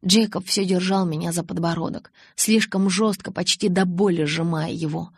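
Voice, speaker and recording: Husky woman reading an audiobook. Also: lowish voice, fairly even intonation, moderate pace, dry recording, studio quality. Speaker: audiobook narrator. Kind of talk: scripted audiobook narration.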